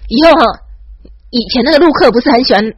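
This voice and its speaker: A woman with a Taiwanese Mandarin accent giving a mock-boastful satirical monologue, dropping a breathy "ha" into nearly every phrase. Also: high-pitched, quick pace, no room sound. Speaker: satirical commentator. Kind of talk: sarcastic comic monologue.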